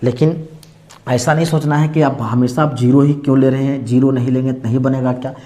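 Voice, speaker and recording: Mellow-voiced male maths teacher. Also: medium pitch, little pitch movement, fairly quick. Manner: explains step by step, asks and answers his own questions. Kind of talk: classroom lecture.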